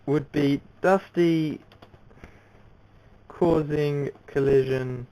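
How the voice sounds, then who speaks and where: A young man commentating on an amateur racing league, excitable and rambling, with many fillers and restarts. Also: a little high, extremely slow, low-quality recording. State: out of breath. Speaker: race commentator.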